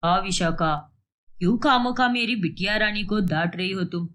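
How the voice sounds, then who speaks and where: A woman voicing a kindly older father-in-law in a cartoon story, calm and reasoning. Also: mid-range voice, normal speed, close to an everyday voice. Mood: gentle.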